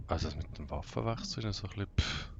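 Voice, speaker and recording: A man giving casual gameplay commentary half to himself in a flat, unemotional monotone. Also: sits low, fast talker, creaky, background noise. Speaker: gamer commenting on own play. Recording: dull lo-fi, game music behind.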